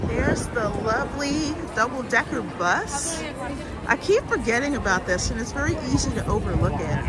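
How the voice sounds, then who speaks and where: A woman's voice: fairly high pitch, expressive, normal speed. A woman hosting a livestream, chatting casually and jokily with viewers while walking outdoors through a theme park. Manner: jokey, informal. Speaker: livestream host. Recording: loud crowd and outdoor park noise.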